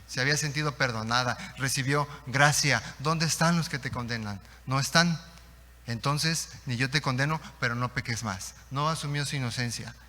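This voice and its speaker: A man with a Mexican accent preaching a sermon as pastor, telling stories with rhetorical questions. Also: mid-range voice. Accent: Mexican Spanish. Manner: animated storytelling, rhetorical questions. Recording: echoey church hall.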